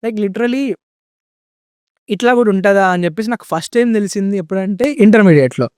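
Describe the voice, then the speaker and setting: A young man speaks in a relaxed podcast conversation, dropping "bro" and English words into his talk. He talks quickly in a slightly high voice. The sound is dry and close. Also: clear, resonant tone, dry recording. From India. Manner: chatty, says "bro" often, mixes in English words. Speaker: guest. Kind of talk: casual podcast storytelling.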